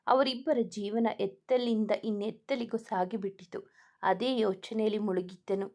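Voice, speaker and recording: A woman narrating a romantic audio story in an even storybook manner. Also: mid-range voice, normal speed.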